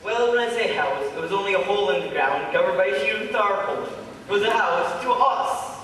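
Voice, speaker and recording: A man on stage playing an old man who tops every hardship story with deadpan exaggeration. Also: sits high, brisk. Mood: boasting. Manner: deadpan one-upmanship. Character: boastful old man topping hardship stories. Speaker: amateur stage actor. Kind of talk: stage comedy sketch. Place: hall stage. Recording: echoey hall from far off, with noise.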